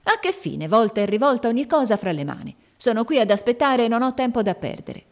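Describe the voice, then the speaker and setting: A woman's voice: mid-range voice, expressive, a little fast, lightly acted. A woman reading an audiobook, voicing a brash, mocking maidservant of fifty who talks impatiently and brusquely.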